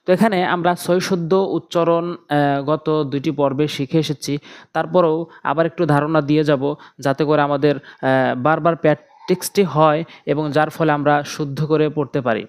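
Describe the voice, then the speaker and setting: A man's voice: on the high side, fairly even intonation, normal speed, clear, resonant tone. A man teaching Quran letter pronunciation step by step, patiently repeating each sound and drawing the vowels out.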